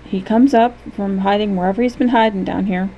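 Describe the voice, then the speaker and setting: A woman leading a guided imagery lesson in a gentle, unhurried way, often checking in with "okay?". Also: medium pitch, fairly even intonation, dull audio, a little hiss or hum.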